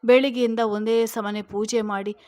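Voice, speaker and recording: A woman's voice: a little high, level tone, normal speed, a little mellow, close to an everyday voice. A woman voicing a tearful, motherly aunt who comforts her nephew in a storybook reading. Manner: tender, comforting speech.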